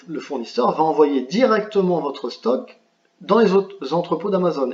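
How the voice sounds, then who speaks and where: A man giving a screen-share software tutorial, talking hesitantly with many fillers and restarts. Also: a little high. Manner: apologetic about his English pronunciation. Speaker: online business tutor. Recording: roomy, slightly dull home recording.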